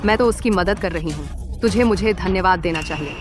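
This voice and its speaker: A woman's voice: on the low side, normal speed, close to an everyday voice. A woman voicing a spiteful young wife. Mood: sneering. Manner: insulting and sneering. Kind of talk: Hindi drama dubbing. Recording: dialogue over music.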